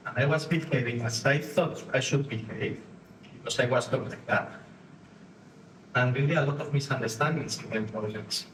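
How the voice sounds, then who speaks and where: A man from Spain with a Spanish accent, giving a live conference talk with halting phrasing and frequent restarts while acting out postures and inner voices for the audience. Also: a little high, fairly bright tone. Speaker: conference speaker. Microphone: distant room mic. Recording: echoey room from far off, faint noise.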